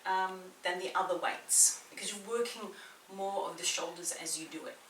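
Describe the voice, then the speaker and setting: A lowish female voice with fairly even intonation keeps a moderate pace, a bit bright, with a little hiss or hum. She's a personal trainer with a slight New Zealand accent giving chatty, encouraging beginner workout instruction and talking a lot. Recorded in a small indoor room, the audio has roomy echo, a distant mic, and faint ambience.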